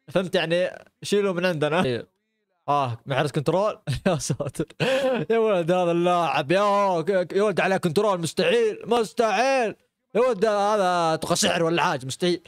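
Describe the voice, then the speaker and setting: A young Arabian man reacts live to football clips, exclaiming and laughing often in an excitable way. His voice is high and rapid-fire. The recording is dry and studio-quality.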